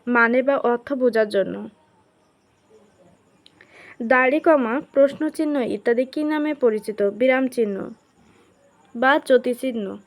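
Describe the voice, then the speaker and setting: High-voiced woman teaching online. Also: measured pace, pauses often. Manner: reads questions aloud, then answers them in short, spaced phrases. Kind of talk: online class lesson, reading and explaining a textbook.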